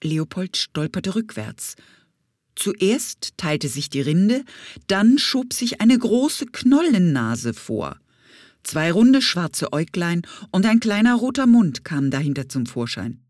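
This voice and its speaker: Slow, lively woman reading a children's story. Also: fairly low pitch, no echo, studio quality. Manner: lively, expressive, sometimes whispered. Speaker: audiobook reader. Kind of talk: children's audiobook narration.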